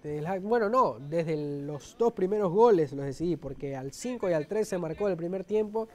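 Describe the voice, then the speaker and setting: A man's voice: high voice, animated, moderate pace, dark tone. A man with an Ecuadorian accent giving live football commentary as a match commentator.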